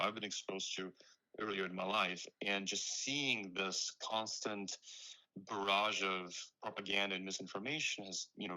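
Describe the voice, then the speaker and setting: A man's voice: low-pitched, bright, forceful tone, poor audio. A young man from Ukraine, a startup founder being interviewed, explaining his work earnestly with frequent "you know"s. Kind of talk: conversational interview.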